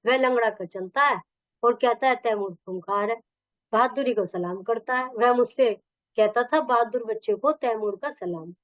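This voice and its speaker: A woman's voice: on the high side, moderate pace, no room sound, natural voice. A woman reading the lines of a bold young village boy from a textbook story, in a dull, dry recording. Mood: earnest. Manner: reading dialogue aloud from a textbook.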